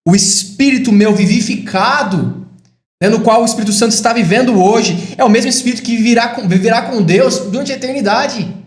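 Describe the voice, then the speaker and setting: Pregador brasileiro de voz aguda, em sala com eco. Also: male voice, fairly quick, roomy sound. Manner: rises to emphatic high declarations, drops to quiet reflective asides. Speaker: preacher. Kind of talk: sermon.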